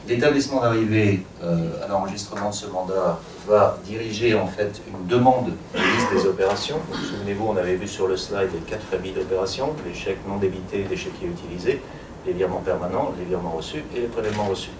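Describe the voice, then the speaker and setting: A deep-voiced man talks at a quick pace while presenting a technical workshop to attendees in a conference room, explaining things step by step with plenty of fillers and light asides. The recording is echoey, picked up from far off, with audible noise.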